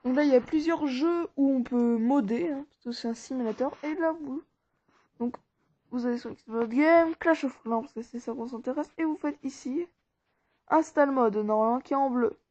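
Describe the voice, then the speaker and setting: In a high, darkish voice at normal speed, a woman casually leads viewers through each step of an app tutorial she created. Her delivery is informal and tends to ramble. The audio is lo-fi, dull, and dry.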